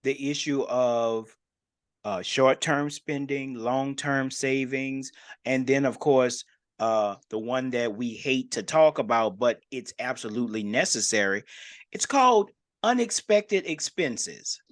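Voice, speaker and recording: A man's voice: mid-range voice, slow pace. A man hosting a talk show, chatting casually with his guest, affirming him and laughing along. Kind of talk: casual interview chat.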